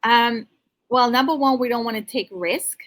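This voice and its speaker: A slightly high, somewhat bright female voice at an ordinary speed. In loose interview conversation, she acts as a financial coach offering emphatic, motivational guidance to the listener, and she restarts thoughts midway.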